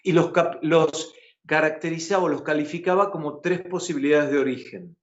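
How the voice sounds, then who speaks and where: Hosting a live news chat, a man from Argentina talks with emphasis in an Argentine Spanish accent, animated and questioning his co-host. His voice is a little high at normal speed, and the muffled broadcast audio is reverberant.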